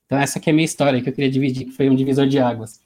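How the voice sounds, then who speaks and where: A Brazilian man, a motivational speaker, tells his story in a quick, animated flow. His voice sits at a middle pitch for a man. He talks conversationally, as if chatting with a host. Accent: Brazilian Portuguese. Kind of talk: storytelling in an interview.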